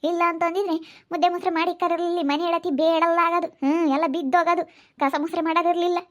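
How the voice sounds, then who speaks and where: A loud, quarrelsome village wife, played by a woman, hurls scolding retorts. Her voice sits very high and the words tumble out fast. She is a comedy-drama character who never backs down. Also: flat delivery. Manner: scolding, quick and combative.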